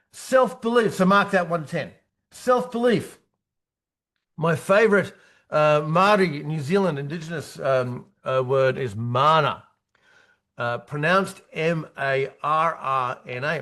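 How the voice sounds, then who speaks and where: A man's voice: high-pitched, a bit bright. A man in his fifties giving a punchy motivational presentation as a business coach, talking in short, repeated phrases with frequent "right?" tag questions. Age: 50s.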